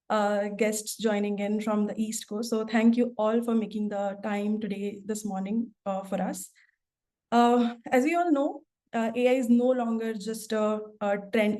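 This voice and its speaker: Her voice fairly high and warm, a woman moderates a work webinar as host, a product manager who stumbles into frequent fillers and restarts.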